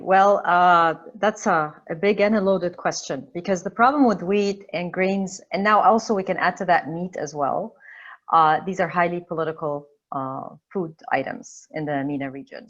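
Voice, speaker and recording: A woman's voice: deep voice, highs cut off. A woman from Egypt speaking as a panelist in an online discussion, thoughtful and full of fillers and restarts. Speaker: webinar panelist. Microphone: video call.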